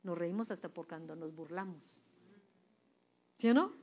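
This woman has a lowish voice and talks at a normal speed. She delivers an emphatic sermon to a women's church group, testing her audience with questions and shifting between loud and soft passages.

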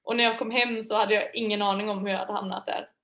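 A woman guest telling a personal story in a lively, chatty way, laughing often and using many fillers. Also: medium pitch. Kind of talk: casual storytelling.

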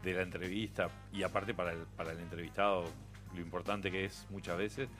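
A middle-aged man with a Uruguayan accent, a radio interview guest chatting casually and telling animated stories with frequent laughter. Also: sits low, fairly quick, faint music behind. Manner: animated storyteller, laughs often.

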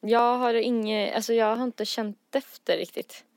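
A woman's voice: fairly high pitch, fairly even intonation, a little mellow. A woman in her twenties co-hosting a podcast in casual chat, laughing often as she talks loosely. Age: 20s. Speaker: podcast co-host.

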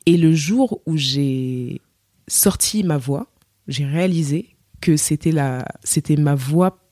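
A woman's voice: sits low, takes it slowly, dry recording, clean studio sound. Young woman singer from Cameroon, chatty. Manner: lively storytelling, acts out quoted dialogue, many fillers. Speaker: singer, podcast guest. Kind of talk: casual interview chat.

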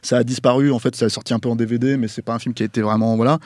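A man on a panel talking casually about a film he loves, rambling and halting, often correcting himself. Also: medium pitch, steady tone, a little mellow, no echo, clean studio sound. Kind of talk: casual film recommendation chat.

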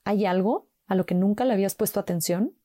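A woman slowly guiding a mindfulness walk with calm, gentle instructions and long pauses. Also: mid-range voice, no echo, studio quality. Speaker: meditation guide.

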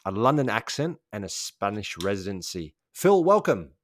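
A man's voice: lowish voice, big pitch swings, moderate pace, no echo, clean studio sound. A man hosting a football podcast, chatting casually and teasing his guests in a jokey way. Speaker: podcast host. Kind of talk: casual chat. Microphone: video call.

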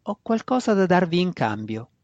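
A man reading the part of a calm young male dark elf warrior, cool and quietly menacing, in an audiobook. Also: sits high, moderate pace, dry recording, dull audio, voice pushed up.

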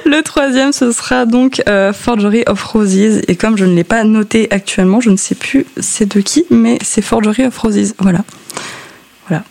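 A woman's voice: medium pitch, fairly even intonation, moderate pace, gravelly, darkish tone. A tired woman chatting casually about her summer reading, rambling and hesitant. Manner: rambling, hesitant, laughs often. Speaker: book club member. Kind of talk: casual chat.

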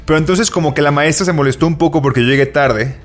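A Mexican-accented man chats on a podcast, telling a story with loose slang and frequent restarts. His voice sits at an ordinary pitch. He speaks in a relaxed, conversational way. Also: fast. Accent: Mexican Spanish. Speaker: podcast co-host. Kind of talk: casual chat.

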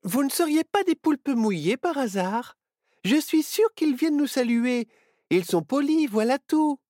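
A man voicing an excitable young boy adventurer in a children's storybook, exclaiming a lot. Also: very high voice, unhurried, no echo, clean studio sound, pitched above the performer's own voice. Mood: excited.

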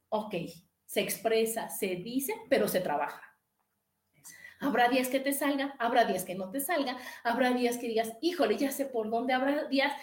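A woman with a Mexican accent hosting a talk show and giving therapeutic advice in a lively, chatty way, often repeating herself and asking "¿no?". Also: sits high, reverberant. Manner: warm, lively, repeats phrases and asks "¿no?". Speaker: radio show host and therapist.

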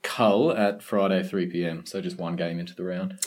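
A man speaks in a fairly low voice with a North Queensland twang. He talks casually, as a pundit does on a fan sports podcast. His Australian accent is regional and informal. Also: fairly even intonation, normal speed, darkish tone. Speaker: podcast co-host and fantasy rugby league pundit.

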